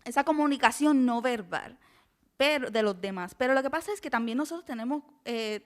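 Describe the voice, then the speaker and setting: A woman's voice: on the high side, lively intonation, brisk. A woman hosting a podcast, asking questions and sometimes searching for her words. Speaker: podcast host. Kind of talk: podcast interview.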